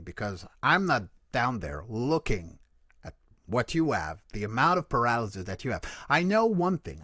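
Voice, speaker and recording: On a video call, this voice coach and creature performer gives casual Q&A answers in a mid-range, fairly bright voice, captured with clean studio sound and no room noise. He's earnest and explanatory, frequently restarting and self-correcting as he talks.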